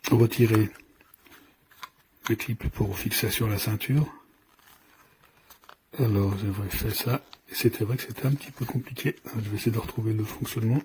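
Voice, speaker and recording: A man with a lowish, warm voice gives an informal, hands-on product demonstration over slight background noise. As a product reviewer, he explains things in a hesitant, improvised way while he works.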